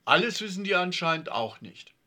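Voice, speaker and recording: A man voicing a pedantic, calm schoolboy in a story reading. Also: sits high, normal speed, voice pushed up, heavily acted. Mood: thoughtful. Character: pedantic schoolboy who corrects others.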